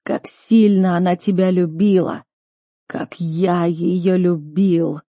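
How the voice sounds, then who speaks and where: A woman voicing a broken, weeping older duke who speaks slowly and tiredly to his son. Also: sits high, steady tone, mellow, no echo, clean studio sound, heavily acted. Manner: slow, sobbing, tired.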